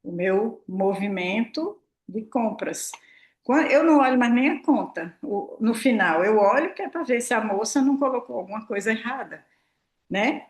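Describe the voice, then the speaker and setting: A woman's voice: fairly high pitch, normal speed. A woman, talking casually and expressively to her audience as a prosperity mentor, acting out her own remarks. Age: 60s. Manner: chatty, expressive, acts out her own quotes, tag questions. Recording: roomy echo.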